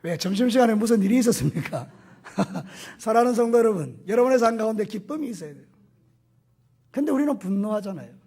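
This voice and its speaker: A male pastor preaching a sermon, animated and putting questions to the congregation, with folksy, humorous stories. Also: sits high, brisk, husky.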